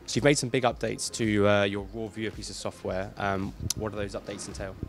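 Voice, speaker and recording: Brief: enthusiastic male interviewer, brisk and slightly gravelly. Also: on the low side, little pitch movement. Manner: enthusiastic, upbeat. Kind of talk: casual interview questions.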